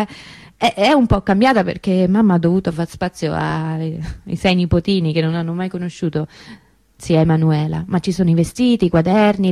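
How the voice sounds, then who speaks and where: Here the same grieving-sister role, anguished but clinging to hope, is voiced tenderly in a fairly low, creaky register with a darkish tone. The theatrical radio monologue is intense and emotive, marked by dramatic pauses, and has no room sound.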